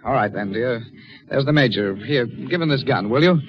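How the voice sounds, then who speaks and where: A man's voice: medium pitch, animated, normal speed, natural voice. An actor playing an earnest, agitated young man in 1940s radio drama style. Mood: concerned. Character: earnest, anxious young man, worried fiancé. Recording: dull old radio recording.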